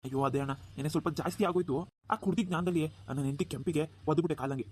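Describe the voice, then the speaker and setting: A man's voice: on the high side, very fast, a little mellow, breathy edge. A man voicing a stubborn, callous young village husband who drinks, in a cartoon, talking dismissively. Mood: casual. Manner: dismissive, defiant. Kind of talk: cartoon dubbing.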